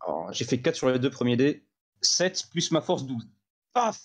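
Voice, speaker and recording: A man's voice: medium pitch, normal speed. A man playing a tabletop role-playing game, talking casually and joking about his moves. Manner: excitable, joking. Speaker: player.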